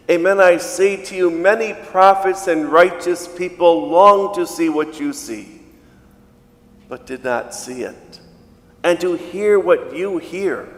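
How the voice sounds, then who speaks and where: Priest reading the gospel at mass, unhurried, big cathedral echo all around him. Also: male voice, fairly high pitch, a bit bright. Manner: slow, measured liturgical delivery. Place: large church. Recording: long church reverb, cathedral echo.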